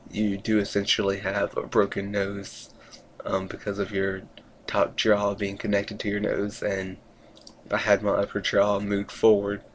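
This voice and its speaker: A man's voice: fairly low pitch, creaky, a little hiss or hum. A man talking casually in a video diary, rambling hesitantly and trailing off as he goes. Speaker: vlogger giving a recovery update.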